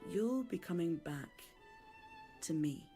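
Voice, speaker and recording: A woman voicing a mother gently half-singing a lullaby in a game's opening. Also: lowish voice, expressive. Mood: tender. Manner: slow, gentle, sung-spoken. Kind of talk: game intro narration. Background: fiddle music.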